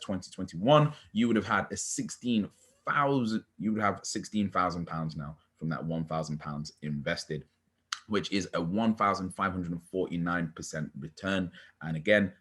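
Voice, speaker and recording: A man's voice: low-pitched, a bit bright. A British man hosting a finance channel, chatting casually about investing and reeling off long lists of company names. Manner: rattles off long lists, laid-back and chatty.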